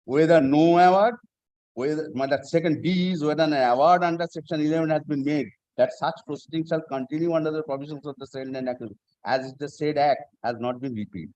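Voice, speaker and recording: A man's voice: on the high side, fast talker, a little mellow, no room sound, dull audio. A male lawyer, reading law aloud formally and deferentially in a courtroom. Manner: deferential, repeatedly addressing the judge. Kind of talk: formal legal reading of statute and argument. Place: courtroom live stream.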